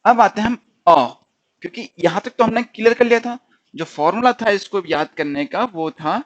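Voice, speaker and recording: The speaker is a male stenography teacher, his voice sitting high and the audio dull. Teaching slowly, he says words and repeats sounds and words for students to practice, checking in with "okay?" again and again.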